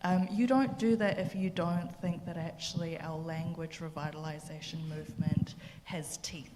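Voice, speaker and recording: A woman's voice: low voice, steady tone, normal speed, a little mellow, long reverb tail, a little hiss or hum. A woman speaking passionately in a panel debate, conversational, with fillers.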